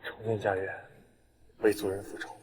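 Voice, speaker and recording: Low-voiced, aloof young alien prince, played by an actor. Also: male voice, flat delivery, normal speed, background noise, lightly acted. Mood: solemn. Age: young adult. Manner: stern, restrained, terse. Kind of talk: screen drama acting.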